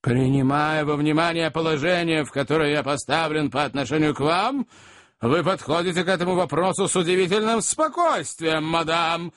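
A man reading aloud and voicing a furious, jealous middle-aged gentleman who shouts and sneers sarcastically. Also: on the high side, normal speed, pitched above the performer's own voice, close to an everyday voice. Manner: sarcastic, shouting, repeats "sir" menacingly.

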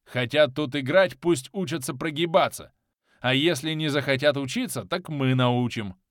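A man reading a boastful, territorial male clan leader in an audiobook, slow and emphatic. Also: mid-range voice, dry recording, studio quality, close to an everyday voice.

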